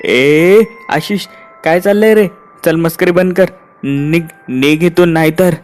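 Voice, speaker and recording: A man's voice: a little high, flat delivery, a little slow, darkish tone, lightly acted. A man voicing a frightened middle-aged man. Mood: panicked. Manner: pleading then confessing.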